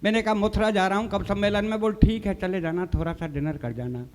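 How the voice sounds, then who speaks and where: On the stage of a live poets' gathering, a comic poet with a high-pitched voice speaks fast, reciting funny verse and stories. He acts out the quoted dialogue and addresses the audience as "sahab", and his voice trails a long reverb tail.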